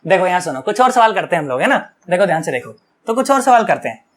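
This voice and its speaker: A man's voice: sits high, sing-song, quick pace, fairly bright tone. A male physics teacher giving an online video lecture, chatty and coaxing, often checking that students follow, earnest and affectionate toward them.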